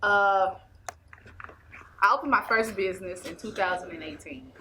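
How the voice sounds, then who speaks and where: Twenties, woman, bright tone, emphatic interview guest. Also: medium pitch, normal speed, a little hiss or hum. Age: 20s. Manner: emphatic and preachy, repeats phrases. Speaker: interview guest, anger management specialist. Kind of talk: casual interview talk. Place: small indoor studio set.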